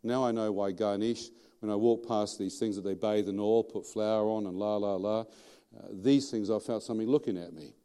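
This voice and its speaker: A middle-aged Australian man preaching his testimony in a lively, colloquial storytelling manner, often putting questions to the audience. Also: lowish voice, normal speed, clean tone. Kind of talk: storytelling sermon.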